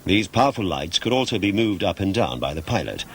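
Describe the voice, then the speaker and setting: A man with a low voice gives scripted documentary narration at a measured pace, explaining things formally and precisely, yet he sounds very animated. The track is noisy, with a rumble like a vehicle running beneath it.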